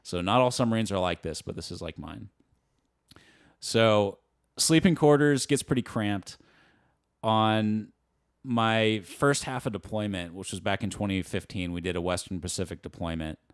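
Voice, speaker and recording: In a casual podcast interview, a navy submarine officer in his twenties tells stories in a relaxed, chatty way, with light laughs and fillers. His voice is lowish and smooth at a normal speed. The audio is studio quality with no echo.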